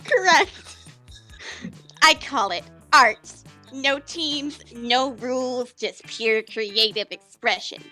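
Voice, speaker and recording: A woman's voice: sits high, takes it slowly, bright, forceful tone, soft background music, full character voice. A woman voicing a haughty, self-centred young princess who makes grand, self-assured pronouncements.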